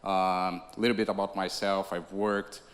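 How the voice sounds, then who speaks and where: A Brazilian-accented man in his forties speaks on a theater stage in a lowish voice, and a long hall reverb trails behind every phrase. He keeps it conversational, restarting sentences and laughing lightly as he goes. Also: little pitch movement, normal speed. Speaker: conference speaker. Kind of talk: conference talk.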